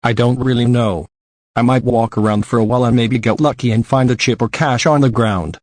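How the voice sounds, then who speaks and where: A man's voice: medium pitch, fairly even intonation, a little fast, no echo, natural voice. A man reading the part of an easygoing young male wanderer who talks casually.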